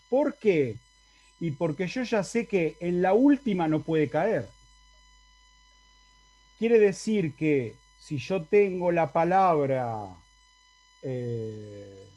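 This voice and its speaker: In a lo-fi recording, a man with a high, dark-toned voice teaches Latin at university level. He speaks with an Argentine Spanish accent during a video-call lecture, explaining material and frequently asking the class to confirm they're with him.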